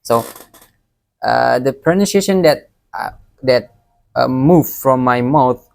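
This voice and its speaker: A young man with a Palembang Indonesian accent gives a recorded exam presentation as an education student, halting and often repeating words. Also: medium pitch, expressive, creaky, a little mellow, no echo. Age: young adult.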